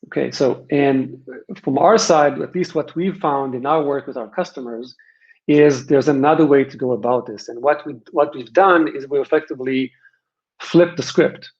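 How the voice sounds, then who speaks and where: Presenting a webinar for a software vendor, a man with an Israeli accent talks at a normal speed in a mid-range, slightly mellow voice. He is conversational and emphatic, repeating phrases to reinforce what he says, and the audio is dull and band-limited.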